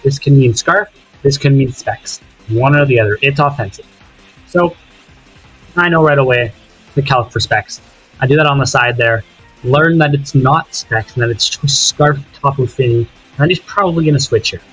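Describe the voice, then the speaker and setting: A man's voice: mid-range voice, moderate pace, fairly bright tone, slightly rough, soft background music, low-quality recording. A young man casually talking through his own game, thinking aloud and swearing now and then. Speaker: gaming commentator. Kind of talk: casual commentary over gameplay footage.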